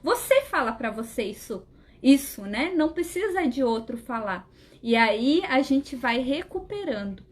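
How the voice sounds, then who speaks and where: High-voiced woman, chatty spiritual talk. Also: big pitch swings, a little slow. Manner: conversational, frequent "né?" tag questions, acts out inner dialogue. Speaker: spiritual therapist.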